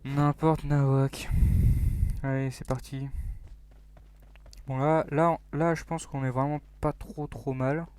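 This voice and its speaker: Joking young gamer. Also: male voice, medium pitch, fairly even intonation, measured pace, pauses often, darkish tone, clear, resonant tone. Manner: joking, self-mocking, rambling with fillers; drops to near-whispers in tense moments. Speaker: gaming YouTuber. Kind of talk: casual mobile game commentary.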